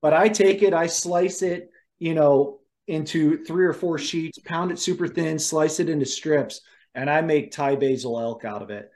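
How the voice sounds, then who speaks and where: A man's voice: a little high, normal speed. Upbeat man telling hunting kitchen stories. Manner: animated storyteller, laughs often. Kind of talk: casual conversation.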